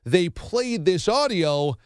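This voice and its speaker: Animated, sarcastic sports radio host man. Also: high-pitched, takes it slowly, clean tone, no room sound, studio quality.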